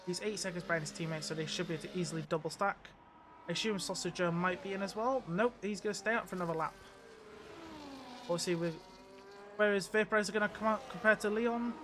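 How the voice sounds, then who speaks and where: High-voiced chatty race commentator man. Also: fast, noisy background. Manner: chatty, restarts and apologises. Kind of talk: live sim racing commentary.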